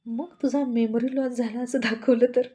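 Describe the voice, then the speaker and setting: A woman's voice: on the high side, steady tone, normal speed, mellow, natural voice. Woman narrator voicing young husband, nervous, sheepish, storybook audio.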